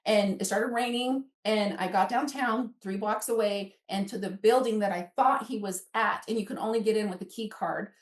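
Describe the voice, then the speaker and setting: An American woman in her fifties from Alaska tells a personal story as a podcast guest, talking at normal speed with few pauses in a medium-pitched voice. Her animated, rambling account is full of acted-out snatches of dialogue. The recording sounds distant, with the mic set back in an echoey room.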